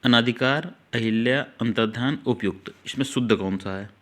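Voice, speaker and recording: Male teacher, mid-pitched, exam-prep grammar lesson, talks straight to the students, drags out key words for them to copy. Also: fairly bright tone. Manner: explains step by step, repeats key words slowly; talks directly to students, urging them to note things down.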